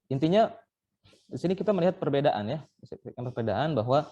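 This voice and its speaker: Over an online call, a medium-pitched, mellow male voice guides a Quran recitation lesson. He explains things patiently and step by step, sounding out letters as examples along the way.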